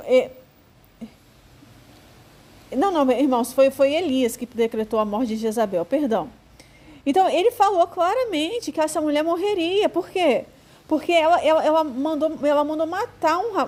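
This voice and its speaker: Brief: Brazilian woman, high voice, informal Bible teaching with halting fillers. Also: a little mellow. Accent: Brazilian Portuguese. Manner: conversational, hesitant with fillers, acts out quoted voices. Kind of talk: informal sermon.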